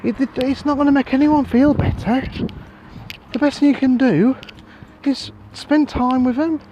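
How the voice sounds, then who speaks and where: A man's voice: very high voice, fairly even intonation, normal speed, warm tone, highs cut off, slight background noise. An English man in his thirties rambling bluntly and swearing while walking outdoors past fields, filming himself on a phone. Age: 30s. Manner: sweary, blunt, ranting with sarcastic put-on voices. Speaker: vlogger. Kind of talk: casual rambling vlog.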